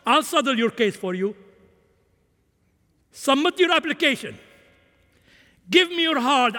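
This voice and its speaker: High-voiced Syrian-raised man preaching in a hall. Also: sharp tone. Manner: impassioned, rising and falling volume. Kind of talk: sermon. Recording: long hall reverb.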